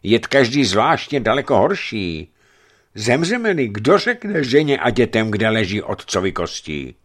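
A man reading a story and voicing a hot-tempered but jovial traveller who talks in a lively, emphatic way. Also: fairly low pitch, pitched above the performer's own voice. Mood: earnest, apologetic.

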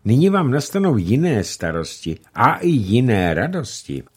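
A man voicing a gentle, wise old grandmother in a storybook, speaking softly and in a measured way. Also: medium pitch, sing-song, breathy edge, pitched above the performer's own voice.

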